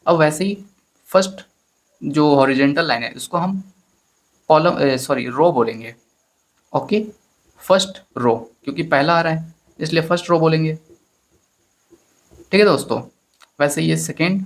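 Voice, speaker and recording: A man's voice: a little high, normal speed, long pauses. A man teaching a maths lesson in Hindi with an Indian accent, explaining step by step and often addressing his students as friends. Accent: Hindi-speaking Indian.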